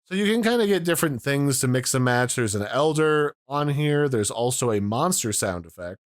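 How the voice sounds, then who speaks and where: A man's voice: mid-range voice, lively intonation, moderate pace, no room sound, clean studio sound. A man giving a casual, explanatory demo of audio mixers, pointing out their controls, recorded at home. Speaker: tech reviewer. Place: home room.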